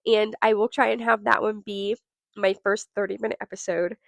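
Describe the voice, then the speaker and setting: A young adult woman hosting a solo podcast, sounding nasal from a cold, giving listeners an upbeat, direct pitch. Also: little pitch movement, normal speed, vocal fry, no echo. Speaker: podcast host.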